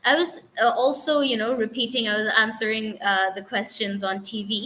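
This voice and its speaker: A woman's voice: fairly high pitch, extremely slow, bright, forceful tone, poor audio. A woman from Bangladesh, an English teacher, talking casually in an interview with many fillers and restarts. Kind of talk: casual interview talk, mixing English and Bengali.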